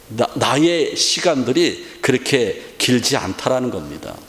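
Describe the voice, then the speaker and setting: A middle-aged man preaching a sermon as pastor, emphatic and full of rhetorical questions. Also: mid-range voice. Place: church sanctuary. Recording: echoey church hall with long reverb.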